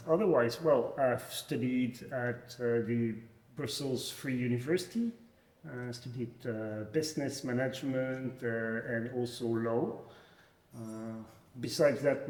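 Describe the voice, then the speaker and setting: A man's voice: medium pitch, a little mellow. Hesitant Belgian man in echoey hall. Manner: hesitant, many fillers and restarts. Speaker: fintech founder, guest. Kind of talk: conference interview. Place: conference venue, echoey hall.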